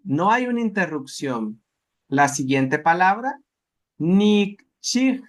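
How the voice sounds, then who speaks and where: A patient male teacher with a Salvadoran accent leads a class. His voice sits high for a man, and he talks at an unhurried pace. He says each practice word aloud several times over. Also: animated, fairly bright tone. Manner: slow, patient, repeats words aloud for drilling. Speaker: language teacher. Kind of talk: live class instruction.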